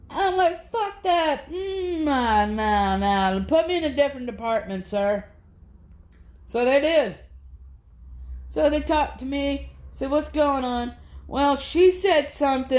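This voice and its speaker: A man vlogging in a casual, rambling monologue, swearing constantly as he rants about his grievances. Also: very high-pitched. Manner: profane, rambling, aggrieved ranting. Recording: echoey room.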